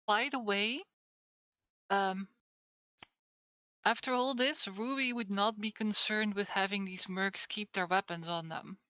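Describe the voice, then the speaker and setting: A woman's voice: medium pitch, steady tone, measured pace, pauses often, sharp tone, smooth, no echo, lo-fi sound. A woman taking part in a tabletop role-playing game, chatting casually as a player.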